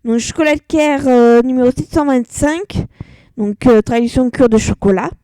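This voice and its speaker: Woman, casual vlog, halting delivery, dry close sound. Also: sits high, warm tone, dry recording. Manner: hesitant, many fillers and restarts. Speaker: vlogger. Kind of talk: casual product review vlog.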